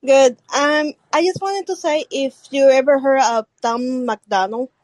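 Female call-in guest, native Spanish speaker, Puerto Rican accent. Careful, halting English, unhurried, dry sound. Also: high voice, dry recording. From Puerto Rico. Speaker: caller. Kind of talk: casual call-in talk.

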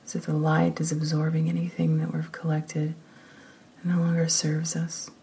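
Woman, guided meditation, whispery, soothing, low flat voice, faint background rumble. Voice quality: soft whispery delivery. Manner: slow, soothing, calm.

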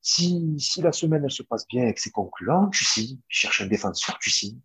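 A young man, a former footballer, telling a long story in a casual interview, animated, with lots of fillers and restarts. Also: mid-range voice, normal speed, husky.

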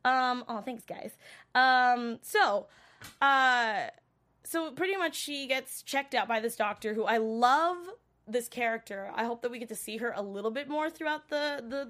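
A woman getting over a cold chats on a livestream, rambling with lots of fillers. Her voice sits a little high. She wanders between thoughts in a loose, casual way. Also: normal speed, fairly bright tone. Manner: chatty, rambling, filler-heavy. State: recovering from a cold, coughing. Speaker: livestream show recap host. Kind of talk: casual chat reacting to viewer comments.

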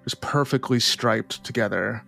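A man narrating a tabletop game as game master, describing scenes at an unhurried pace with fillers. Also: medium pitch, gravelly, fairly bright tone, soft background music.

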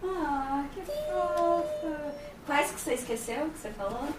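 A woman's voice: sits high, expressive, measured pace. A woman hosting a podcast interview, chatty and enthusiastic. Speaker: podcast host, voice actress. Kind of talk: casual interview chat. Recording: roomy, distant mic, background noise.

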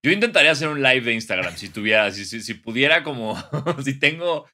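A young Mexican man co-hosting a podcast, joking in a playful way, often stammering and restarting, and sometimes dropping to a low mutter. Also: sing-song, a little fast, sharp tone. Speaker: podcast co-host. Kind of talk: casual comedic chat.

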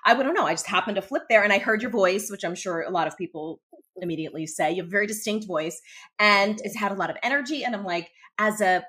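A woman with a medium-pitched voice, working as a podcast interviewer. She talks casually and effusively, in halting, conversational phrases. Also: a bit bright.

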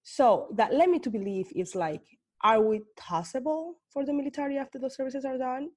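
A woman's voice: sits high, a little fast. A woman from Colombia, hosting an interview and asking earnest, searching questions with many fillers. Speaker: host. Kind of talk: conversational interview.

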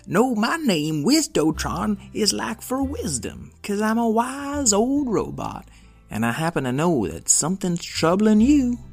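A man's voice: sits high, sing-song, unhurried, gravelly, darkish tone, husky, soft background music, pitched above the performer's own voice, full character voice. A man voicing a wise, kindly old robot with a folksy old-timer manner in a children's audio story.

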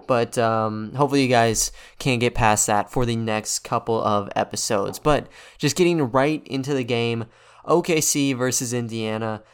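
A man hosting a sports podcast, giving a casual, conversational game recap in a quiet but clear voice. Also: mid-range voice, moderate pace. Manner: conversational, loosely unscripted. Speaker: podcast host.

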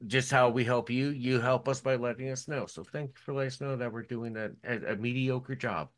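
A man's voice: medium pitch, steady tone, a little fast. A man on a podcast talking casually and rambling with many fillers. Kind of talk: casual chat.

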